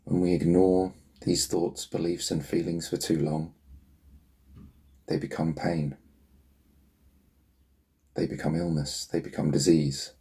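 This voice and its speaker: A man guides a healing meditation in a soothing, unhurried murmur, leaving long pauses between phrases. His voice is gravelly, husky, low-pitched and mellow, with a flat delivery.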